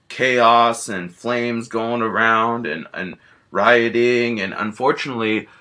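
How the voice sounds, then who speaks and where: A big, gentle grizzly bear who scares easily, voiced by a man rambles through a first-person storytime and leans on fillers constantly. His voice sits fairly low but rings bright and forceful.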